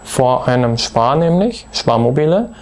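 A man giving a patient, methodical video lesson, pausing often with hesitation fillers as he explains grammar. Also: medium pitch, sing-song, darkish tone. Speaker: language teacher.

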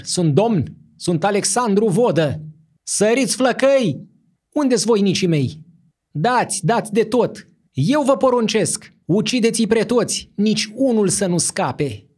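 Male reader as a raging dying prince for an audiobook: hoarse, high-pitched shouting, dark husky tone. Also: expressive. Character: raging dying old prince, furious and tyrannical.

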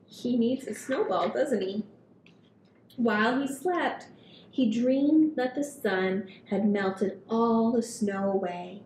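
Expressive and drawn-out, the phrasing of this story hour host, a woman in her thirties, carries a picture book reading for small children. She sits at a table in a small indoor room with a headset microphone, and the recording has a roomy echo plus a low rumble.

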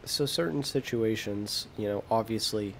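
A young American man with a fairly low voice talks through his gameplay in a loose, laid-back way, joking at his own expense and trailing off mid-thought. A faint low rumble sits under his voice. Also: moderate pace, creaky. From United States. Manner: relaxed, self-deprecating, trails off mid-sentence. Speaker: gaming video creator. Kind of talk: casual gameplay commentary.

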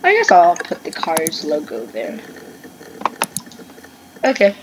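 A woman's voice: fairly low pitch, wildly swooping pitch, takes it slowly, noisy background. A woman hosting a gaming channel, giving casual let's-play commentary and reading chat lines aloud in playful voices. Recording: music playing behind the voice.

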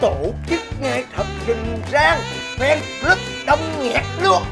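Gushing high-voiced friend, stage comedy over loud music. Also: female voice, expressive, takes it slowly, creaky, full character voice. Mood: excited. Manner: gushing, exclaiming. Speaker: comic actor in a stage sketch.

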